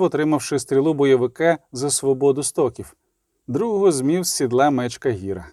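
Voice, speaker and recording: Man narrating an audiobook, mellow tone. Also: medium pitch, no room sound, studio quality. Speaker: audiobook reader.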